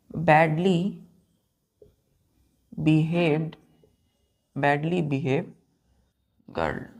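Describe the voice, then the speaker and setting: A woman teaches a vocabulary lesson in a low, unhurried voice. She repeats words and spellings patiently and keeps asking her students whether it is clear. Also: a little mellow. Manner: slow, repetitive, checks understanding often.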